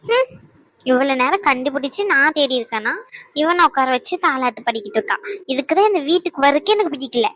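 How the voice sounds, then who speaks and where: A woman voicing a sharp-tongued old grandmother in a cartoon, nagging and sarcastic. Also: high-pitched, animated, a little fast, no room sound. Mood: grumbling. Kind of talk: cartoon voice acting.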